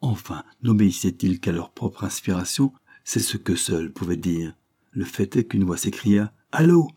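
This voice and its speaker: A man narrating a classic novel as an audiobook, in a measured literary reading. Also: sits low, warm tone, slightly rough. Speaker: audiobook reader. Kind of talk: scripted narration.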